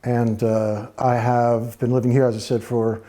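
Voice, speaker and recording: A man from the United States with an American accent, a guest in a studio interview, talking in a thoughtful, measured way with frequent fillers. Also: medium pitch, flat delivery, warm tone. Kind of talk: relaxed interview talk.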